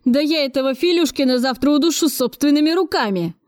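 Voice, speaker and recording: A woman reading an audiobook, voicing a furious, gruff middle-aged male factory director who curses and shouts. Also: medium pitch, brisk, no room sound, clean studio sound, close to an everyday voice.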